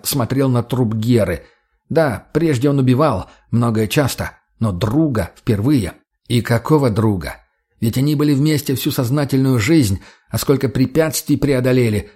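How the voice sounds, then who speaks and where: A man narrating an audiobook with a husky, grainy voice at a middle pitch. His reading is steady and measured. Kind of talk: scripted narration.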